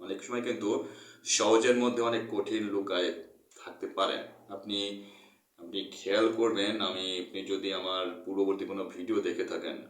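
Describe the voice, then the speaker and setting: Guy teaching english, kinda low voice, far off the mic, echoey room. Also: fairly even intonation, brisk, a bit bright. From Bangladesh. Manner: earnest, repeats points, mixes English terms. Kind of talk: explaining a textbook lesson.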